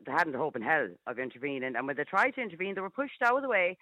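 A woman's voice: low-pitched, sing-song, rapid-fire, no echo. A woman in her fifties with a Galway, west of Ireland accent, speaking bluntly and emphatically as a caller on a radio phone-in. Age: 50s. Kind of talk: casual, opinionated phone-in chat. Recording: dull phone line on radio.

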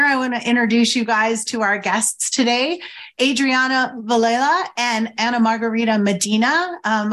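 A woman host running a casual panel chat, upbeat and easygoing as she reacts and brings in her guests. Her voice sits a touch higher than most. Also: a bit bright.

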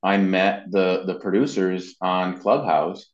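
A middle-aged amateur voice actor talks slowly in a low voice with fairly even intonation. Being interviewed, he relates anecdotes conversationally, acting out dialogue, with a dull, roomy, echoey sound.

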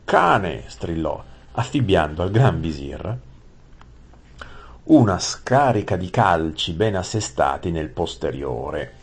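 A man's voice: low voice, lively intonation, takes it slowly, darkish tone, husky. A man reading a children's book aloud, adding casual explanatory asides. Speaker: storyteller.

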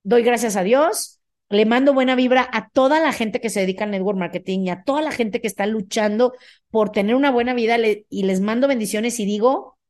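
A woman's voice: fairly high pitch, a little fast. A middle-aged woman with a Mexican accent hosting a motivational podcast, talking emphatically and often checking in with listeners. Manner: energetic, emphatic, often asks "ok?". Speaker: podcast host.

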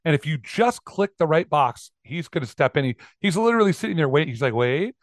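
Podcast co-host, man, raised pitch, animated and sardonic, close dry mic. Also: quick pace, dry recording. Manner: animated, mock voices in asides. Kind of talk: casual commentary on sermons.

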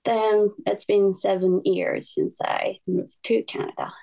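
A Japanese woman in her twenties is a guest on a casual podcast, speaking accented English hesitantly as she searches for words. Her medium-pitched voice is mellow with vocal fry, unhurried and fairly even in intonation.

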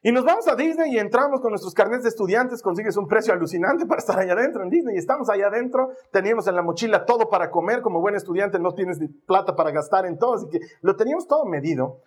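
Preacher, man, high and husky, very animated storytelling with sound effects. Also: quick pace, hardly any pauses. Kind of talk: storytelling sermon.

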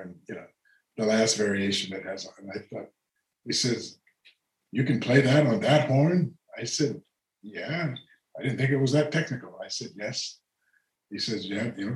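A man's voice: lowish voice, reverberant, rough recording. An older man, a retired orchestral horn player, telling rambling anecdotes as an interview guest, laughing often and restarting his sentences. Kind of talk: relaxed storytelling conversation.

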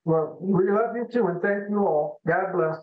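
A man's voice: sits high, moderate pace. A man on a call-in show, telling a personal story in an earnest, folksy way. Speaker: guest. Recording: tinny phone line with echo.

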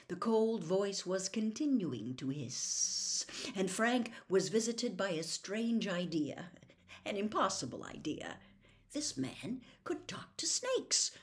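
A woman reading a novel aloud as a storyteller, dramatic and dropping to a whisper for suspense. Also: medium pitch.

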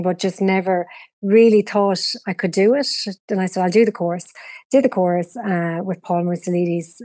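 Mellow west of Ireland woman, chatty interviewee. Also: lowish voice, no echo. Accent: west of Ireland, Galway. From Galway, Ireland. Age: middle-aged. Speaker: interview guest, TV producer and presenter. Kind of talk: conversational interview answers.

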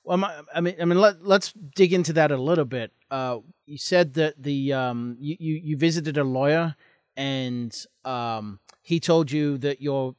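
A man hosting a conversational interview, asking questions with halting starts and restarts. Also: a little high, no echo, studio quality. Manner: halting, many restarts and fillers. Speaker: interviewer host.

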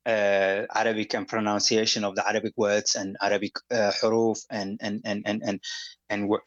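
A Somali man whose first language is Somali speaks as a guest in a conversational interview, hesitant and full of fillers and restarts. His voice sits on the low side, level in tone, at normal speed. The audio is dull and lo-fi.

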